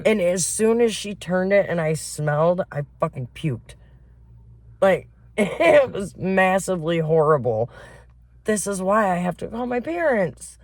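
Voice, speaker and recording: A woman's voice: lowish voice, no room sound. A woman from Michigan spins a wild, laugh-filled story, swearing freely as she goes. Her voice is close and dry, with no room sound around it. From Flint, Michigan. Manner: profane, laughing, animated storyteller. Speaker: podcast co-host. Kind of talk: casual chat, storytelling.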